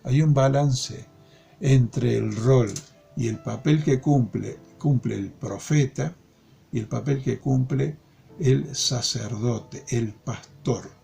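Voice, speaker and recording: A man leading a Bible study from a workbook, slow and deliberate, repeating key phrases and verses. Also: mid-range voice, gravelly, dark tone, faint music behind. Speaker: discipleship teacher.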